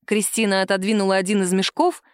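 Женщина читает аудиокнигу, выразительно рассказывая историю. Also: female voice, medium pitch, fast, no echo, studio quality. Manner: expressive storytelling. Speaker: audiobook narrator. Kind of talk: scripted narration.

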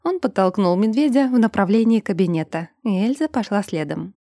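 A woman reading a fantasy novel aloud in a steady, measured narration. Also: medium pitch, dry recording, clean studio sound. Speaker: audiobook narrator. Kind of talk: scripted fiction narration.

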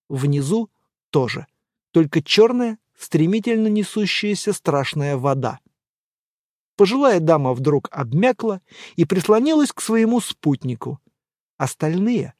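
A narrator reading a dramatic audiobook in an expressive way. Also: mid-range voice, no room sound, studio quality.

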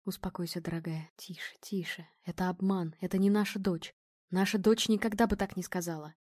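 A woman's voice: medium pitch, fairly even intonation, fairly quick, darkish tone, dry recording, clean studio sound, lightly acted. A woman voicing a frightened father who whispers soothingly to his wife, in a storybook reading. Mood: hushed.

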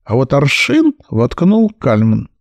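A shrewd detective, read by a male narrator speaks in brisk, matter-of-fact explanations. The voice is gravelly and close, with no room around it, and the melody moves quite a bit. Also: medium pitch, wildly swooping pitch, dry recording, highs cut off, exaggerated voice. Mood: explaining.

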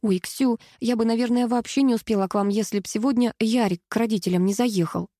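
A woman reading aloud, voicing a bubbly, chatty teenage girl in a higher, lively voice. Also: fast talker, no room sound, studio quality, natural voice.

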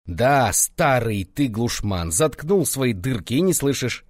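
A man voicing a peasant wife who shouts and scolds her deaf old husband. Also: on the low side, big pitch swings, normal speed, slightly rough, dry recording, studio quality. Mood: scolding.

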